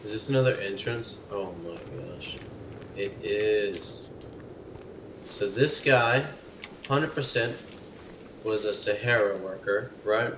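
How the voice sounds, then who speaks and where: A man's voice: on the low side, slow, pauses often, a bit bright, recorded from a distance. A man streaming live gameplay commentary, who chats to his in-game companion and yelps and swears at sudden scares. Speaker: gaming streamer. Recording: echoey room, off-mic, noisy.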